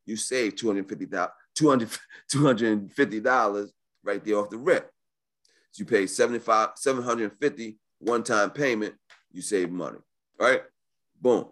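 A man with a fairly low voice delivers a live sales pitch like a home shopping host. His talk is informal and slangy, pushing prices and deals and regularly checking that the listener follows. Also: a bit bright. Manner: informal and slangy, often checking in with right and okay. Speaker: business credit coach hosting a sales webinar.

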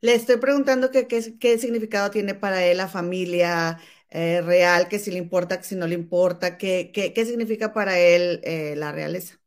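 A woman's voice: on the low side, fairly even intonation, normal speed. Chatty woman hosting. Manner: chatty, addresses listeners familiarly. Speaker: host interviewing guests. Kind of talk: conversational live interview in Spanish and English.

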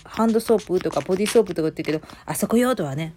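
A woman's voice: on the low side, animated, racing, a little mellow, slight background noise. A woman with a Kansai accent hosting her own audio show, chatting casually in a rambling way with many fillers and asides. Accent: Kansai Japanese. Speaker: podcast host. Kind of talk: casual solo chat.

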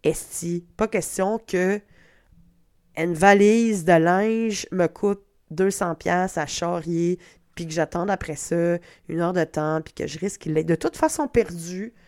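A woman's voice: lowish voice, a little slow, darkish tone. A middle-aged woman from Quebec with a Québécois accent, hosting a podcast in a chatty, self-mocking monologue that is sprinkled with swearing. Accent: Québécois French. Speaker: podcast host. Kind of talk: casual monologue.

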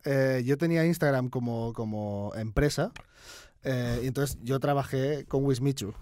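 A man's voice: medium pitch, measured pace, a little mellow, dry recording, clean studio sound. A man from Catalonia, a podcast guest, telling a long anecdote in casual chat, full of fillers and laughs.

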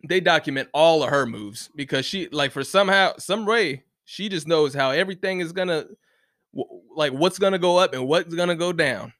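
A man rants in a casual, rambling way, full of restarts, fillers and swearing. His voice sits slightly high for a man. The sound is dry and close, with no room in it. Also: normal speed, a bit bright, no room sound. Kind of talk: casual rant to camera. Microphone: close mic, bumped once.

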